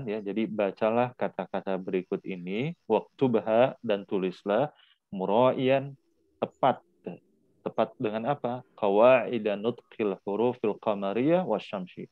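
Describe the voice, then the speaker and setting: A man's voice: lowish voice, measured pace, dry recording, narrow, tinny audio. A man teaching Arabic in an online class, patiently repeating words for his students to drill.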